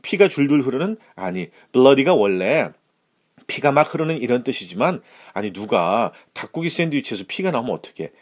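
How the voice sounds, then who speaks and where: A man with a Korean accent teaching English phrases in a lesson, lively and expressive, reading the English lines slowly and deliberately. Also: mid-range voice.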